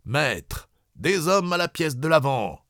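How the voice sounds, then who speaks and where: A man's voice: on the high side, sing-song, slow, a bit bright, dry recording, clean studio sound, voice pushed up, full character voice. A man reading an audiobook, voicing a stern, driven frigate commander who barks orders. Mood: determined. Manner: barking orders.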